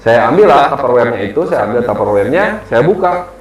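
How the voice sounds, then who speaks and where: A man's voice: mid-range voice, fast talker. Casual male guest, acting out his story in an echoey room over music. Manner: lively storyteller, acts out quoted people. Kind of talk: casual spoken ghost story. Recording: roomy echo with music behind.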